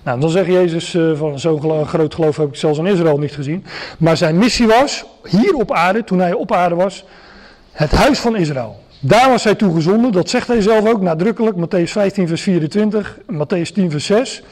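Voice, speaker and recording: High-voiced man giving a hesitant sermon. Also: expressive, normal speed, a little mellow. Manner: explanatory, many hesitations and restarts. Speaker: preacher.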